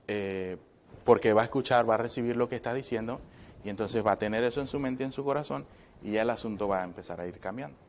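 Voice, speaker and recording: A man, a pastor, preaching a conversational sermon in a church. He keeps checking in with the congregation through short tag questions and slips in joking asides. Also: medium pitch.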